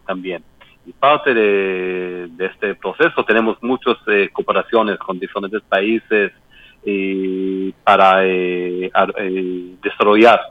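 A man who is not a native Spanish speaker, with a foreign accent, answering interview questions haltingly and searching for words. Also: low-pitched, no room sound, dull audio. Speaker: embassy political adviser being interviewed.

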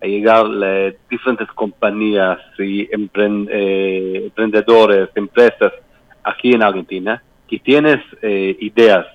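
A man gives interview answers at a very slow pace, hunting for each word as a non-native speaker with a foreign accent. His voice is on the low side, and the sound is dry and band-limited, like radio. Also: flat delivery, no room sound, lo-fi sound. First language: not a native Spanish speaker. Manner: halting, searching for words. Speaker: embassy political adviser being interviewed.

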